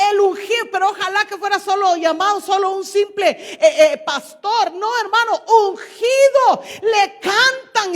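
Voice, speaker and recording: A woman pastor preaching a sermon to her congregation, questioning them and reading scripture aloud. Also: very high-pitched. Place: church. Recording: long church hall reverb.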